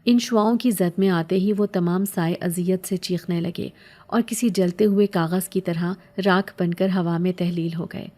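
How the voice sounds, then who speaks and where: A woman's voice: lowish voice, steady tone, mellow. A woman narrating a scripted horror story in the first person, frightened and pleading in her own lines.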